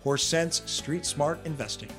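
A man's voice: a little high, a little slow, fairly bright tone, soft background music. A man hosting an interview in a conversational way, wording things at length and acting out imagined remarks. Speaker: host.

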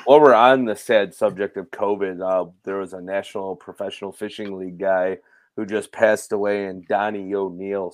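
A hoarse, raspy man whose voice goes in and out, hosting a casual live fishing show. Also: sits low, a little mellow, dry recording. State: hoarse, voice cutting in and out from losing it. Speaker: podcast host.

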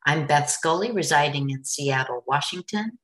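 A woman with a notably low voice hosts an interview podcast. She reads her opening in a measured, earnest way, then asks her questions in the same calm manner. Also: rough recording. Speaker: podcast host. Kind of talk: scripted podcast intro and interview.

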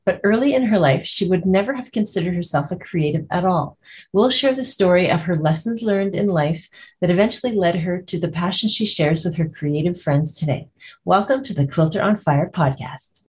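A woman's voice: on the low side, lively intonation, moderate pace, a little mellow. A woman hosting a podcast and interviewing a guest in an upbeat, enthusiastic way. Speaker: podcast host.

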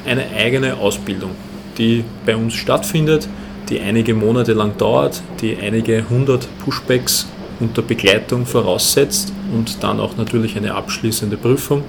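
A man with an Austrian accent giving measured, explanatory interview answers as a ground handling manager. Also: fairly low pitch, vocal fry, background noise.

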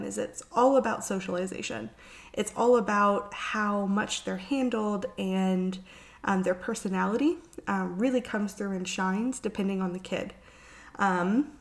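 A woman hosting a casual solo podcast as a vet, sounding under the weather, weary and halting, as if hungover. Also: mid-range voice, vocal fry. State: sick with flu-like illness, worn out. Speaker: veterinarian podcast host.

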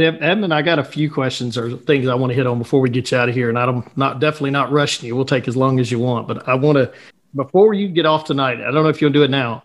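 A man hosting a podcast, eagerly asking his guest for a favorite story in casual chat. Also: mid-range voice. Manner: eager, friendly, asks for a story. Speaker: podcast host.

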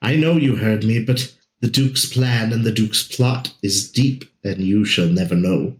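A man's voice: fairly low pitch, measured pace, natural voice. A sly, defiant male cat with a Persian accent, as a game master puts him on. He serves a duke and refuses to talk. The sound carries some room echo.

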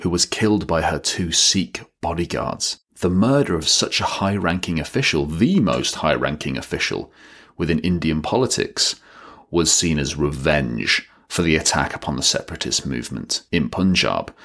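Very deep-voiced man explaining history. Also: a bit bright. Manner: wry, with dry joking asides. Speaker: educational video presenter. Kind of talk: scripted explainer narration.

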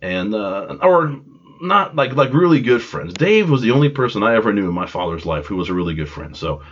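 A congested man with a cold, from Long Island, New York, hosts a podcast in a lowish, fairly quick voice with big pitch swings. He tells a rambling, self-deprecating story full of side tangents in a casual monologue. The dull lo-fi home recording carries a little hiss or hum.

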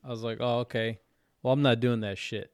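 A man's voice: medium pitch, steady tone, brisk, clean tone, no echo. A man on a casual podcast tells a story at an easy pace, slipping in crude jokes. His voice sits in a middling register, recorded close and dry with no room sound. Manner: laid-back storytelling, crude humor. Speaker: podcast co-host. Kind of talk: casual chat.

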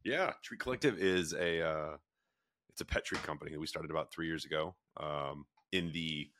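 A man, a pet treat company founder, telling a long story in a relaxed interview, full of fillers and restarts. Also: very deep voice, normal speed, a little hiss or hum. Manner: rambling, filler-heavy storytelling with many restarts.

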